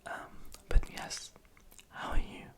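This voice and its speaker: A young adult speaking in a soft, breathy, unvoiced whisper, rambling hesitantly and self-deprecatingly to the viewer in an ASMR style. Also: slow. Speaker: ASMR video creator. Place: small room in a house at night.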